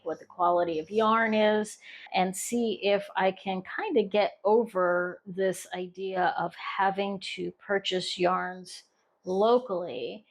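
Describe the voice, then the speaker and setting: A middle-aged woman from the United States chatting casually on her crochet vlog, rambling with restarts and fillers. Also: medium pitch. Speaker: crochet vlogger. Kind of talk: casual chat.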